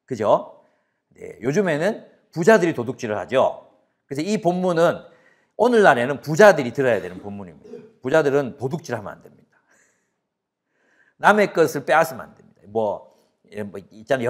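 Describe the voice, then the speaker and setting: A man in his forties preaching a sermon as a pastor, asking the audience questions and acting out everyday quarrels. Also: medium pitch. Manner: animated, asks the audience questions, acts out quarrels.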